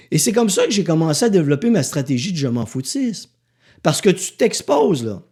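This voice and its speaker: A Quebec man with a Québécois French accent hosts a motivational podcast, his voice high with a darkish tone. In his monologue he addresses the listener bluntly and sarcastically, swearing along the way.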